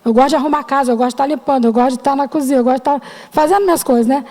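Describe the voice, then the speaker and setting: A woman's voice: sits high, rapid-fire, a little mellow. A middle-aged woman giving an emotional personal testimony to her church congregation, often turning to address them as brothers and sisters. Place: church hall. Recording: long hall reverb.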